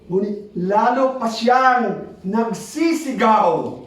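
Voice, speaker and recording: A man preaching a sermon, switching between Tagalog and English and reading scripture aloud, emphatic and swinging between quick urging and slow drawn-out phrases. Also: high voice, animated. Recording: very echoey hall, mic far off.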